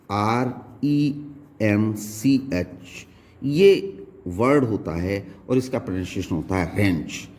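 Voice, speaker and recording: Slow, low-voiced man teaching spellings. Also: mellow, in a large hall. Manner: slow, spelling words out letter by letter. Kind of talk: recorded lesson.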